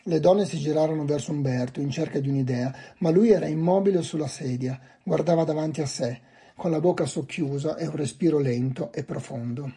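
A man reading a novel aloud in a measured, literary way. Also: on the high side, mellow, husky. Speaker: volunteer reader. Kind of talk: audiobook narration.

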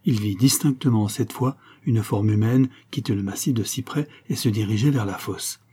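A man reading a historical novel aloud in a steady, measured storytelling voice. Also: fairly low pitch, husky. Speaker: audiobook narrator. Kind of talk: scripted narration of a historical novel.

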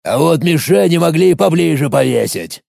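A man doing a slow gravelly orc. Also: fairly high pitch, lively intonation, darkish tone, dry recording, clean studio sound, heavily acted. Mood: gruff. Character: big slow-spoken male orc, calm and gruff. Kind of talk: audiobook character voice.

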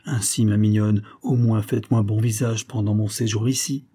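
A man reading an audiobook, voicing a brutal, raging middle-aged nobleman count who blusters loudly. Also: fairly low pitch, steady tone, moderate pace, slightly rough. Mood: feigned gentleness. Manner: loud and blustering.

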